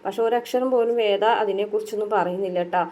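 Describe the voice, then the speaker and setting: Fast-talking woman retelling a serial. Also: medium pitch, fairly even intonation, warm tone. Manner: chatty, tags sentences with "ട്ടോ", many fillers. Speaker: serial episode recapper. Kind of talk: casual retelling of a TV serial episode.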